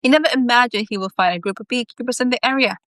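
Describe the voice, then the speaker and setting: A woman author reads her own fiction aloud in an animated storytelling style, slipping in chatty, informal, self-deprecating asides. Her pitch is fairly high, she speaks very fast, and there's no echo.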